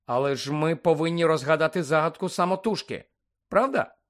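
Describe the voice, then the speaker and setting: A man's voice: fairly high pitch, a little fast, a bit bright, natural voice. A man reading aloud voicing a modest teenage schoolboy who speaks matter-of-factly. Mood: plain. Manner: plain, matter-of-fact. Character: teenage boy wizard student, modest.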